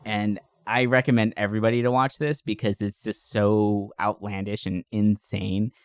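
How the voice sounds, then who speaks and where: Recapping movies with casual humor, a young man hosting a podcast talks right up on the mic, with no echo or room sound at all. His voice sits on the low side and is smooth, moving at a moderate pace, while he stays animated and throws in slang asides and swearing.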